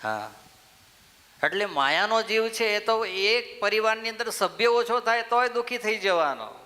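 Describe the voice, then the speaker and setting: A man's voice: sits high, lively intonation, measured pace, pushed and bright. A man giving a temple sermon, telling a story and putting questions to the listeners, then answering them himself. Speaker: swami giving a temple discourse. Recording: long hall reverb.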